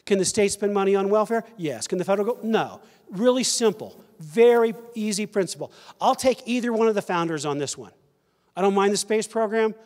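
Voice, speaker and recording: A man's voice: sits high, lively intonation, fairly quick, darkish tone. A man in his sixties giving a plain-spoken lecture on stage to a live audience, answering his own questions. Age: 60s. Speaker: conference speaker. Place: large church stage with an audience. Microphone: handheld mic. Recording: long reverb of a large hall.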